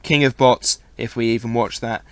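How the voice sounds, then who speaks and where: A man hosting a podcast in a relaxed, joking way, his voice a little worn from recent loss of it. The sound is dry and close, with no room echo. He keeps a middle pitch. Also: moderate pace. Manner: jokey, teasing co-host. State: recovering from lost voice. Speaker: podcast host. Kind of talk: casual podcast chat.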